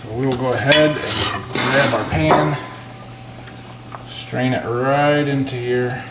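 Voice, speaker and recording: A man's voice: mid-range voice, fairly even intonation, slow. A man talking casually like a home cooking show host, explaining each step in a folksy way as he works in a kitchen. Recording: clear background noise, kitchen clatter.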